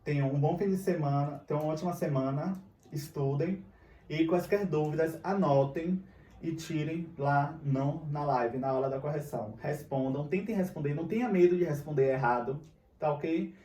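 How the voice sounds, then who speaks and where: A patient grammar teacher with a Brazilian Portuguese accent records a lesson, often checking in with his students. He speaks at a normal speed in a slightly high, mellow voice, far from the mic in a room full of echo.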